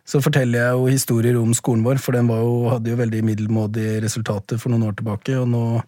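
A school principal being interviewed about his book, speaking thoughtfully with frequent pauses and fillers. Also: mid-range voice, flat delivery, mellow, dry recording, clean studio sound. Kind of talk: podcast interview.

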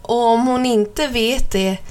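A woman voicing a calm, gently teasing mother in a children's story, speaking in a matter-of-fact way. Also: a little high, lightly acted.

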